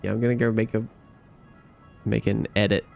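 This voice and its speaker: A man's voice: on the low side, flat delivery, normal speed, gravelly, a little mellow, faint music behind. A young man, casually chatting and joking with his livestream viewers. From Australia. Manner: playful, laughing, teasing chat. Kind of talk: casual chat reading viewer comments.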